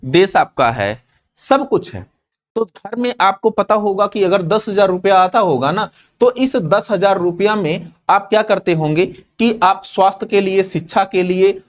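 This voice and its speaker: A man with a noticeably high voice teaching an exam-prep lesson. He explains with household budgets and wedding shopping lists, and often turns a point into a question before answering it himself. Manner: repeats key points as quick questions to the students; calls students "babu" and checks in with "theek hai na?".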